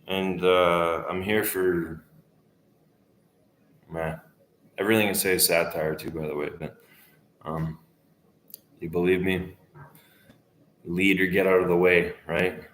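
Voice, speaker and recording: Young man, deep low voice, rambling and profane, trails off, talking to camera, echoey room. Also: fairly even intonation, slow pace, long pauses, fairly bright tone, a little hiss or hum. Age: 20s. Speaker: vlogger. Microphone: camera facing speaker.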